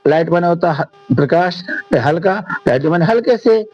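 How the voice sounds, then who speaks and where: A man from India with a Hindi accent, teaching an English lesson in Hindi and reading the English lines out slowly. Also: a little high, expressive, a little mellow, dull audio, faint music behind. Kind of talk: classroom lesson explanation.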